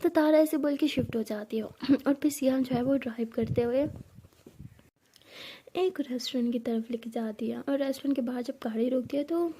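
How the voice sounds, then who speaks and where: Woman storyteller, high voice, mellow tone, conversational, clears throat often. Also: moderate pace. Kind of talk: casual story narration.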